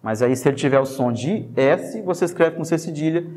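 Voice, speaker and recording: A Brazilian man with a slightly high voice teaches a spelling lesson in a lively, joking way. He keeps checking in with the class through quick tag questions. A long reverb trails each phrase. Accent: Brazilian Portuguese.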